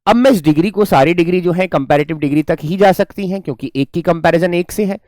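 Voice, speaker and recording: A man teaching a grammar lesson as a tutor. He explains patiently, calls his students "beta" and "my children", and reads the English example sentences slowly. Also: sits high, darkish tone, no room sound, studio quality. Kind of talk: classroom-style grammar lesson.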